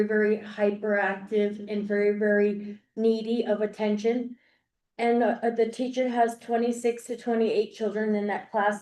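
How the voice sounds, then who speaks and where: An older woman, a grandmother, speaks in a mid-range, slightly mellow voice, giving an earnest but rambling public comment at a school board meeting. She often repeats herself, and the meeting room sounds echoey.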